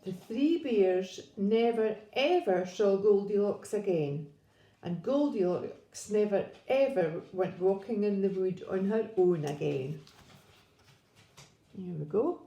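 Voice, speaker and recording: A woman reads a children's story aloud, slowly and with a lively, rising-and-falling voice. Her tone is mellow, and the room gives it a noticeable echo. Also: mid-range voice, highs cut off. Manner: gentle, expressive storybook reading. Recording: echoey room.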